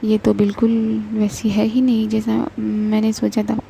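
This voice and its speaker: A woman's voice: medium pitch, completely flat delivery, normal speed, gravelly, dark tone, a little hiss or hum, rough recording. A woman voicing a shy young village woman. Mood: hesitant. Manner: hesitant, unsure.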